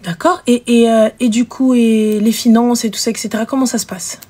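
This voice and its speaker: A woman hosting a live show, giving frank, animated relationship advice and acting out little scenes. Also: on the high side, brisk, breathy edge. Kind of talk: casual advice chat.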